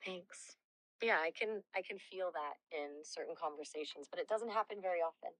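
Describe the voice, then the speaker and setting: A woman's voice: lowish voice, normal speed, no echo, rough recording. A woman's synthetic voice as an AI assistant, answering interview questions in a reflective, candid way. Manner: reflective, candid, soft-spoken. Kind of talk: conversational answers.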